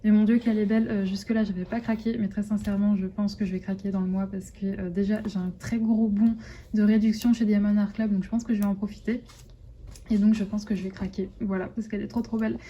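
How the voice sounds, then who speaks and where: A woman's voice: medium pitch, little pitch movement, fast talker, warm tone, highs cut off. A young woman with a French accent chatting casually to her phone camera at home, rambling with lots of fillers and restarts. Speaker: vlogger. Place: at home indoors.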